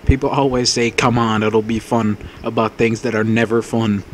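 A man's voice: medium pitch, flat delivery, moderate pace, a little hiss or hum. Crude, laughing man reading a game aloud. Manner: crude, joking, laughs often. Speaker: let's play host reading game text aloud. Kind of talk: casual gaming banter. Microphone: wireless mic.

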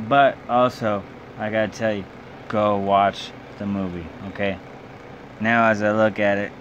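Sitting in a small bedroom, a young amateur film reviewer who has been drinking delivers a blunt, profanity-laced, loosely casual video review. He has a fairly low-pitched voice, and the poor-quality audio carries an obvious hum and noise behind him.

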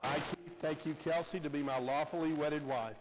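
A man's voice: a little high, steady tone, moderate pace. Older male officiant leading wedding vows, echoing church. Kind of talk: leading wedding vows in short phrases for repeating. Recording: reverberant, noisy church camcorder audio.

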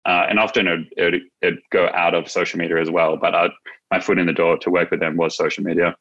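Speaking fast in a low, flat voice with a fairly bright tone, a young Australian marketing agency founder reflects casually as a guest in a video call interview. He's in a small office room with no headset in view, and the audio is a bit dull.

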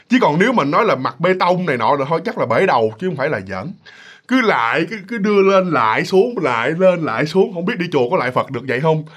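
Man, southern vietnamese accent, high voice, casual animated ghost storytelling. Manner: animated, repetitive, addresses listeners directly.

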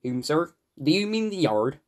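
A man's voice: a little high, big pitch swings, normal speed, a little mellow. Polite anxious little engine, read by a man. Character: small, humble, earnest male steam engine.

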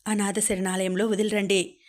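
A woman's voice: medium pitch, little pitch movement, moderate pace, darkish tone, close to an everyday voice. A woman voicing Radha, a grief-stricken young mother who pleads through tears. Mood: anguished. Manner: pleading, tearful. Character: young woman, new mother, anguished and defiant.

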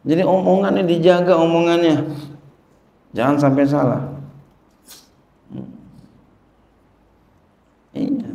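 Gravelly-voiced preacher man teaching. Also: fairly high pitch, slow, pauses often, mellow. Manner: repetitive, conversational, acts out quoted people. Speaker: religious teacher. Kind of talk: colloquial Quran commentary lesson. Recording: roomy echo.

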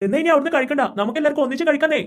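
A rapid-talking cartoon dad. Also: male voice, very high-pitched. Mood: gentle. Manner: gentle, reassuring. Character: easygoing cartoon father.

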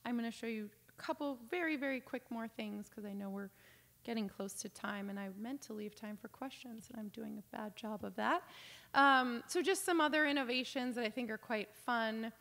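A woman's voice: fairly high pitch, normal speed, a bit bright, in a large hall. A young adult woman giving an informal lecture over slides, conversational with frequent ums and enthusiastic asides, over a video call from a home office. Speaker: auction house business development director giving a lecture.

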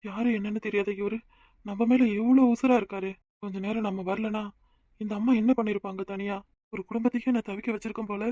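A man voicing a young husband in a cartoon who has lost his memory, speaking gently and with confusion. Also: very high voice, no room sound, lo-fi sound. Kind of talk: cartoon voice acting.

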